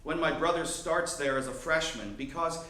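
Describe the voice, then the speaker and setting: A man's voice: a little high, moderate pace, sharp tone, reverberant, slight background noise. A man from Miami telling a wry, sardonic personal story onstage in a theater. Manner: wry, sardonic, building to mock outbursts. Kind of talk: live storytelling performance. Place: theater stage.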